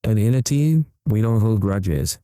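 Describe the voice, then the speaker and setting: A man's voice: fairly low pitch, lively intonation, unhurried, dark tone, dry recording, studio quality. A man playing an earnest, overexcited cat owner, giving a melodramatic parody infomercial testimonial with reverent sincerity. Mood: proud, confiding.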